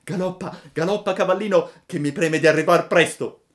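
A man voicing a sobbing, desperate wooden puppet boy in a storybook reading, stammering and pleading. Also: a little slow. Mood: gleeful. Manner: wailing, stammering, high and loud.

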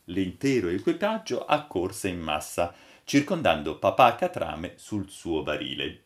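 A man reads a classic sea adventure as an audiobook. His voice sits low, yet his pitch rises and falls with lively expression. He keeps a measured storyteller's pace. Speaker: audiobook narrator. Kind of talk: scripted literary narration.

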